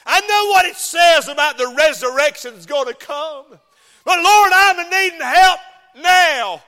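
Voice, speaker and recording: A woman's voice: extremely high pitch, animated, measured pace, pitched above the performer's own voice, exaggerated voice. A man voicing a grieving, impulsive woman who cries out in anger and pleading, in a hall with long reverb. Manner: raised, shouting outbursts.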